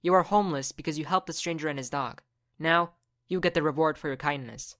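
A woman voicing a kind, grateful older man who speaks calmly and earnestly. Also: sits low, a little fast, no echo, clean studio sound.

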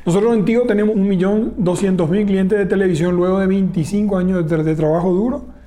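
A man's voice: high-pitched, fairly even intonation, fairly quick, warm tone. A man, a telecom executive in a business interview, laying out his points one by one. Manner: explains point by point, enumerating pillars.

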